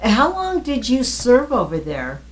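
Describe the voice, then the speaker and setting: A woman's voice: fairly high pitch, wildly swooping pitch, unhurried. A woman conducting a conversational oral history interview, attentive, with murmured acknowledgements and follow-up questions.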